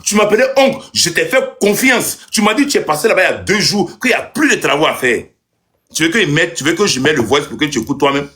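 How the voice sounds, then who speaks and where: Man, angry landlord type, accusing and insulting, voice that rises high and swoops. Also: expressive, fast, fairly bright tone. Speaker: landlord ranting on a live stream. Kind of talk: angry live monologue.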